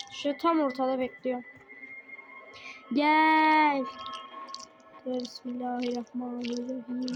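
A young woman with a high voice narrates her horror game play, jittery and frightened as she talks to her viewers. Loud game music plays behind her the whole time. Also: highs cut off. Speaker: gaming video creator.

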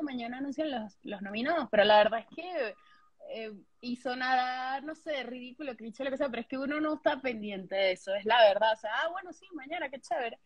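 A woman producer telling a story in casual chat, animated and expressive. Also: fairly high pitch, no room sound.

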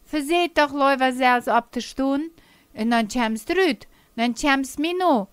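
A woman's voice: sits high, takes it slowly, dry recording. A woman voicing a strong, careless boy who brushes off his friend in a storybook tale. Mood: dismissive.

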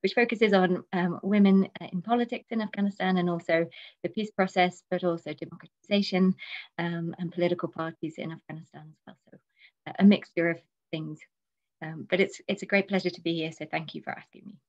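A woman's voice: fairly low pitch, fairly even intonation, a little fast, a little mellow. Woman lecturer over dull lo-fi audio. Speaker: political science lecturer. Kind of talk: panel introduction.

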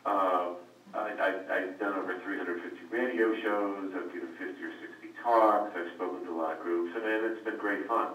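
An author appears as a guest on a conference call, answering questions by telling stories in a fairly low, somewhat bright voice. He often hesitates, restarts, and repeats words. The call line sounds echoey and distant, with faint noise.

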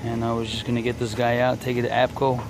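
A man's voice: mid-range voice, monotone, fast talker. A young man working as an HVAC technician, narrating his repair job in a blunt, profane, joking way while filming with a handheld phone on a building rooftop. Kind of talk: casual on-the-job vlog narration. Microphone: handheld phone camera. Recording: noisy rooftop with air-conditioning units. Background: air-conditioning hum and traffic.

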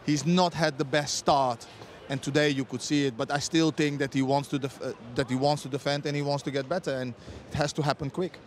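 A middle-aged man debating as a football pundit pitchside, with many restarts and non-native phrasing. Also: steady tone, brisk, few pauses. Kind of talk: studio-style punditry debate. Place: outdoors pitchside at a stadium. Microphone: handheld mic.

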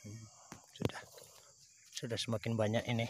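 A man filming his wife fishing for a casual vlog. He talks calmly and cheers loudly whenever a fish is caught, recorded outdoors on a handheld phone. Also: on the low side. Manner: slow calm narration, bursting into excited shouts at each catch. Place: outdoors by a pond bank with crickets and insects. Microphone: handheld phone camera. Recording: faint outdoor insect noise.

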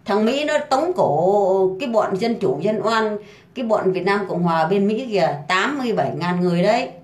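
This woman is ranting at full anger, coarse and profane, driving her insults home through repetition. Her pitch sits in the middle of the usual range. The room around her gives the voice a noticeable echo. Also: animated, normal speed, darkish tone. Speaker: housemaid ranting online. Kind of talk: angry profane rant. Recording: roomy echo.

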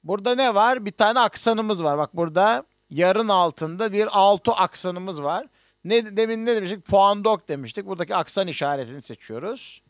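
High-voiced man teaching notation. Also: expressive, fairly quick, dry recording, studio quality. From Turkey. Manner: explains step by step while working on screen, with many hesitations. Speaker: music professor. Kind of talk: online music notation lesson.

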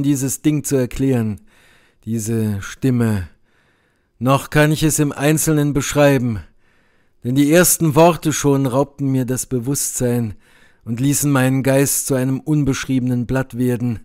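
Slow, grave male audiobook reader. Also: medium pitch, darkish tone. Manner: slow, measured, grave delivery. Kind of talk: dramatic audiobook narration.

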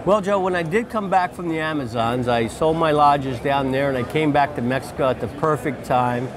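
Wearing a lapel mic at a trade-show booth, a forty-something fishing lodge outfitter shares his story enthusiastically and repetitively. His pitch is fairly high and his pace moderate, while the crowded convention hall chatters behind him.

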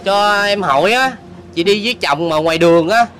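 Man, Southern Vietnamese accent, polite interviewer, high voice, street noise. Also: moderate pace. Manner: polite, deferential questioning. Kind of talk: casual interview.

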